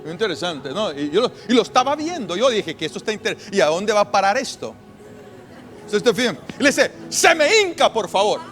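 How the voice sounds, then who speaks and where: A man preaching a sermon as a pastor, telling stories with emphasis and drawn-out pauses. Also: high-pitched, big pitch swings, fairly bright tone, soft background music.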